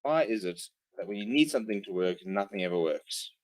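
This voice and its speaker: A man's voice: lowish voice, animated, a little fast. Hungover man on a rugby livestream. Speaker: rugby watchalong streamer and commentator. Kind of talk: casual livestream chat and live sports commentary.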